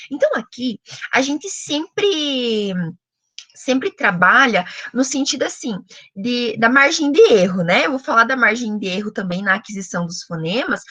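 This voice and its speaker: Brazilian woman teaching a class on child speech, bouncy lively voice, pretty high, dry sound. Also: no room sound. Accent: Brazilian Portuguese. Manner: explanatory, animated, acts out parents' and children's lines. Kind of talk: lecture on child language development.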